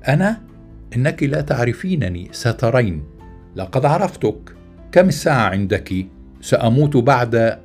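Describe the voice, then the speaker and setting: A man's voice: lowish voice, normal speed, darkish tone, faint music behind, close to an everyday voice. A man voicing a despairing, bitter young man who declaims his case in a raised, agitated way. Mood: defiant.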